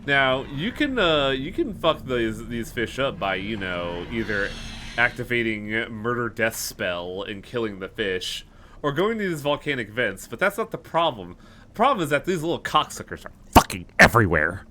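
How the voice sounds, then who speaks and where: A man's voice: mid-range voice, big pitch swings, normal speed, pushed and bright, slight background noise. A man giving casual, blunt, sweary commentary as he streams a game. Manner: profane, blunt.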